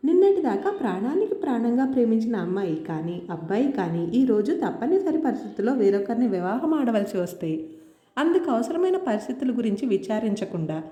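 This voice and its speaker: A woman voicing a calm, idealistic young man who speaks at length in a reflective, earnest way. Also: a little high, fairly quick. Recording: roomy, dull lo-fi sound.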